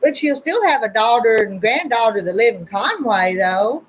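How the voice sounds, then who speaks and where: A woman's voice: a little high, lively intonation, normal speed, a little hiss or hum, poor audio. A woman with a Southern American accent hosting a casual quilting chat, laughing often and talking while she eats. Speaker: host of a quilting get-together. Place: farm sewing room with other quilters.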